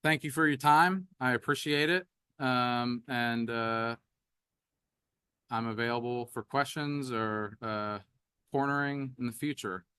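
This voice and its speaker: A man presents at a community workshop, his tone bright and forceful. He pauses often with ums and uhs. The sound is dry and close. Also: mid-range voice, steady tone, clear, resonant tone, no echo. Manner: hesitant, many fillers. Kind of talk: presentation talk. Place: meeting room.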